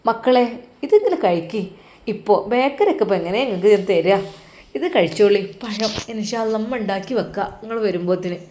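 A woman's voice: medium pitch, animated, brisk, a little mellow, natural voice. A woman voicing a fretful, loving older village mother who fusses over her guests. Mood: coaxing. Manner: anxious, fussing, pleading.

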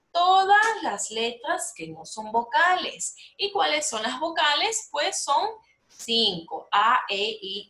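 Lively, bright-voiced woman teacher, echoey room. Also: a little high. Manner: slow, patient explaining with lots of repetition and check-ins; lively and encouraging. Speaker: English teacher. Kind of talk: online lesson for young children. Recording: roomy echo.

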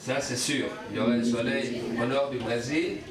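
A man's voice: mid-range voice, fairly even intonation, normal speed, crowd noise. A man making wry jokes in a backstage room. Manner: joking, wry banter. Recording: distant camera, echoey room, loud music.

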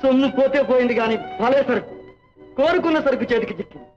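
A man's voice: extremely high pitch, brisk, muffled recording, music in the background. An actor playing a rich, boastful male chieftain who insists on keeping the girl he bought, in old film dialogue. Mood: possessive.

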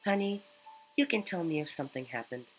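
Man putting on a high-pitched, gentle mother cat. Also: expressive, brisk, soft background music, low-quality recording. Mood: caring.

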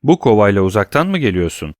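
A man voicing a grave, low-voiced stranger. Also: very animated, no room sound, clean studio sound. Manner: serious, low and measured. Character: grave kind stranger man, calm and serious. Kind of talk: audiobook character reading.

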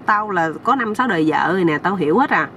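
A woman's voice: fairly low pitch, animated, fast talker, a bit bright, far from the mic, slight background noise. Woman doing a bossy know-it-all old village man. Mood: lecturing. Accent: Southern Vietnamese. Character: nosy, boastful older village man.

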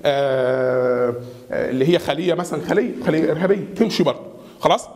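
A man with an Egyptian Arabic accent teaching English pronunciation in a classroom style. He keeps asking questions for the viewer to answer and slows down to spell words out. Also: a little high, a little mellow, echoey room. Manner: repeats questions and has the viewer answer back.

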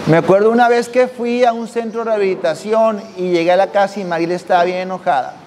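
Casting: male podcast host, high voice, slangy casual anecdotes, roomy reverb. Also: quick pace, darkish tone, slight background noise. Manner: slangy, drops "güey" constantly, acts out voices. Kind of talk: casual storytelling monologue.

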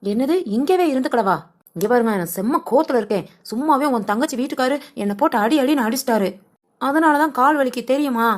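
A gossipy village wife in a cartoon, as a woman voices her. She grumbles and mutters to herself in a high voice, sly and put-upon. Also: fast, natural voice. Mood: pleading. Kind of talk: cartoon voice acting.

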